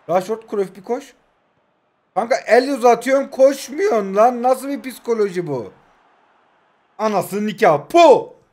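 Young guy with a pretty high voice, rambling jokey play-by-play as he games. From Turkey. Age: 20s. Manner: joking, teasing, talks to himself and viewers. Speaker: gaming YouTuber. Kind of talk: live gameplay commentary.

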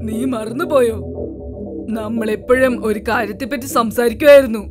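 A woman's voice: fairly high pitch, steady tone, moderate pace, close to an everyday voice. Woman voicing a coaxing girl ghost. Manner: pleading, insistent. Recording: music behind voice.

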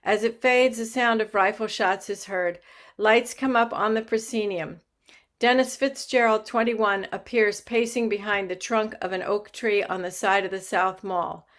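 A woman's voice: medium pitch, steady tone, unhurried. Woman reading stage directions.

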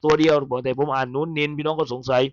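A man gives a recitation lesson with a smooth, resonant voice that sits a little high. He chants verses sound by sound and then explains each one patiently. The recording is dry and slightly muffled. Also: level tone, fast talker, dry recording. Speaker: Quran recitation teacher. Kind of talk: tajweed lesson, spelling out letters and reciting.

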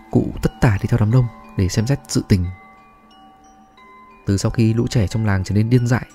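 A man reading a horror story aloud as narrator, in a measured, grave way. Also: fairly low pitch, warm tone. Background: faint music.

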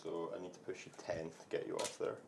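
A man's voice: low voice, monotone, fast talker, creaky, background noise. A man talking casually while playing a tabletop game in an indoor studio. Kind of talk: casual chat during play.

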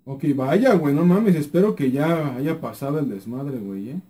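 With a Mexican accent and a slightly high voice at moderate speed, a young Mexican YouTuber covers his own gameplay. He's excitable, swears freely, and murmurs repeated words under his breath.

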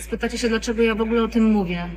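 A woman's voice: on the high side, steady tone, racing, darkish tone, faint music behind. Indignant woman filming a phone statement. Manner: indignant, emphatic. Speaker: social media commentator. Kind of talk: direct-to-camera statement. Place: indoors, restaurant. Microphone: phone at arm's length.

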